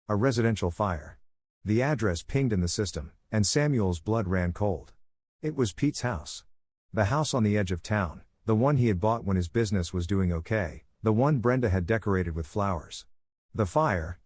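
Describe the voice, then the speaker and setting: A man narrating a dramatic story in a steady, measured storytelling delivery. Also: fairly low pitch, no echo.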